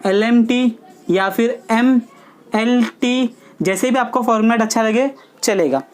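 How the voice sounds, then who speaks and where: A woman's voice: fairly high pitch, slow pace, a little mellow. Woman teaching physics in a questioning style. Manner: asks the class questions and answers them herself; checks understanding with short tags like "theek hai". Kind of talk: classroom lesson at a board.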